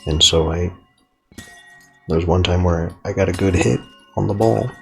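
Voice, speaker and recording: A man's voice: low-pitched, moderate pace, gravelly, fairly bright tone, soft background music. A young man rambling reflectively through an unedited video journal while playing a game, swearing casually now and then.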